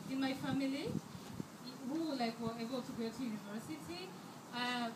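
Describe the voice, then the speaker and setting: At a fundraiser in an event hall, a Rwandan woman in her 20s, a scholarship student, speaks earnestly at normal speed in a voice that sits high, often using fillers and restarting. Her handheld microphone is held too far away, so the audio is echoey, distant and noisy.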